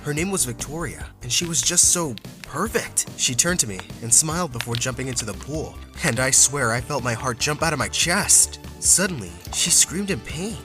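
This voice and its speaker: A man's voice: mid-range voice, animated, moderate pace. A young man narrating a first-person story in an earnest, dramatic way, from a script. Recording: faint background music.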